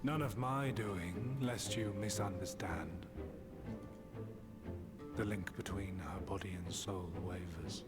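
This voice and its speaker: Solemn, slow-spoken ancient villain. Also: male voice, low voice. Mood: cold, measured. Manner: archaic, grave, theatrical. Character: solemn, brooding ancient male villain bound by duty. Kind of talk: dramatic video game voice acting. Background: game music.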